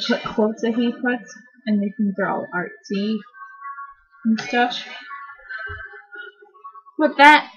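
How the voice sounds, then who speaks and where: A teenage girl ranting and gushing in a casual vlog, rambling and excitable. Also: a little high, lo-fi sound. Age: teens. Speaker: vlogger.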